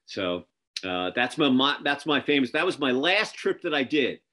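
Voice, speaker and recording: A middle-aged host runs a casual video-call interview, his mid-range voice swinging widely in pitch at a moderate pace as he tells stories with lots of fillers and restarts. There's background noise, and he's recording on a webcam indoors in an office with a printed backdrop.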